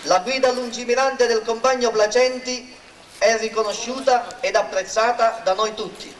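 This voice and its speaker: A man's voice: very high voice, steady tone, normal speed. A man giving a formal, oratorical political speech at a rally, declaiming to a public square. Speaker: local party politician introducing a candidate. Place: outdoor town square rally. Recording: roomy, distant mic, faint noise.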